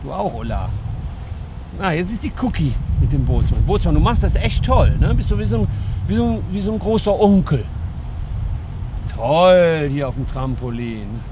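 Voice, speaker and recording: A man who works as a dog trainer, giving lively casual commentary outdoors as he talks to the dogs and to his viewers. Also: on the high side, moderate pace, noisy background.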